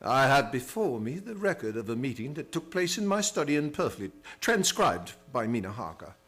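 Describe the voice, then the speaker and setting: An actor playing an earnest doctor who narrates a gothic radio play in a formal, theatrical manner. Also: male voice, medium pitch, very animated, normal speed, a bit bright, husky, full character voice. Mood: sober, recounting.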